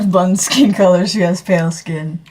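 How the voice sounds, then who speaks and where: A woman's voice: mid-range voice, slow pace, darkish tone, a little hiss or hum. A teenage girl from Australia, chatting casually on a drawing livestream and rambling with lots of fillers and self-corrections. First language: English. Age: teens. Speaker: streamer.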